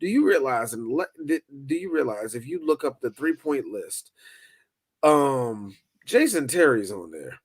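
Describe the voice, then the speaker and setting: A man co-hosting a casual sports podcast, loud and profane, joking with his co-host. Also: mid-range voice, sing-song, unhurried, husky, no room sound.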